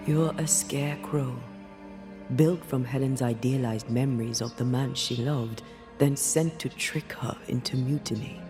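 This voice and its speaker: An actor playing a blunt, watchful companion giving wary counsel in a video game, speaking deliberately. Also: male voice, mid-range voice, steady tone, over music, natural voice. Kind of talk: dramatic video game acting.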